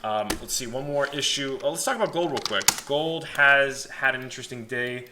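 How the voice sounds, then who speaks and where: A man's voice: mid-range voice, moderate pace. A young man giving casual, chatty market commentary to his viewers in an informal way, hedging his opinions as he goes. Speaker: host of a stock market analysis channel. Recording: faint background noise.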